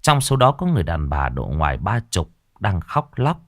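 A man narrating a ghost story in a dramatic, expressive storytelling manner. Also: low voice, moderate pace, no echo, clean studio sound.

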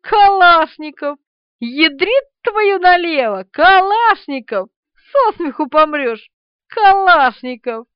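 A woman voicing a brash tattooed man who talks in street slang and exclaims loudly. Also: high voice, moderate pace, no room sound, lightly acted. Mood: gleeful. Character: thuggish tattooed man, loud and boisterous. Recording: dull lo-fi audiobook recording.

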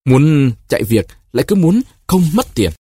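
A man's voice: medium pitch, very animated, moderate pace, mellow, slightly rough, dry recording, clean studio sound. A man reading as a fawning old court clerk. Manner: obsequious, scolding. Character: fawning scolding older male court clerk.

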